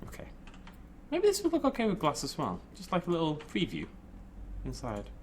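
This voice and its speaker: A man's voice: a little high, huge pitch swings, normal speed, slight background noise. A man giving casual, informal game commentary, thinking aloud and playfully talking to the game. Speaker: gaming video host.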